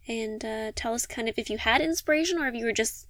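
A woman hosting a casual podcast chat, upbeat and chatty, quick to cheer on her co-hosts. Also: a little high, fairly bright tone, no room sound. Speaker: podcast host.

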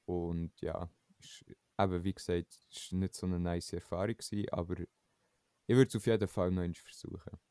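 A young man speaks in a very low voice. He talks casually and a little hesitantly as a podcast co-host. The sound is dry and close. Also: flat delivery, moderate pace, warm tone, clear, resonant tone, dry recording. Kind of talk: casual chat.

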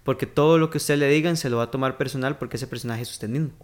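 A man with a Costa Rican accent, a podcast guest talking in a relaxed, reflective way with local slang. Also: mid-range voice, rapid-fire. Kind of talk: casual chat.

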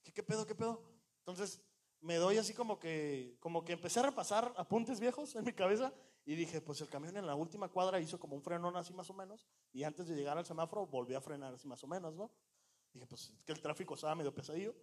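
A man's voice: fairly high pitch, fast. A young man with a Mexican accent telling a story to friends in a casual, slangy way, acting out the voices he quotes. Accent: Mexican Spanish.

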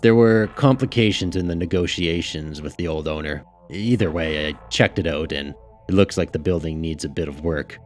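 A man's voice: a bass voice, moderate pace, a little mellow, soft background music. A man voicing an earnest husband and family man in an audiobook.

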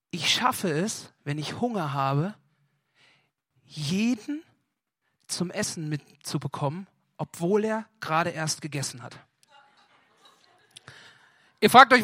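Young north guy preaching, jokey storytelling, bright voice, dry close sound. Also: high-pitched, dry recording. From northern Germany. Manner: animated storytelling, acts out phone dialogue with a friend. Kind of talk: humorous sermon.

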